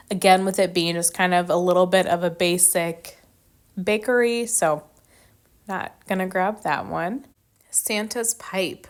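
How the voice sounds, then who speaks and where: A woman's voice: medium pitch, a bit bright. Chatty woman reviewing scents, slightly strained. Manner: chatty, mulls options aloud, reads scent notes. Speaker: wax melt reviewer. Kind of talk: casual product review vlog.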